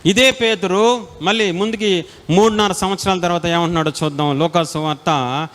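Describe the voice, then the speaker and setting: A man preaching a sermon as a pastor, passionate and dramatic, swinging from soft pleading to loud outbursts. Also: high-pitched, normal speed. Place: large indoor meeting hall. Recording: long hall reverb.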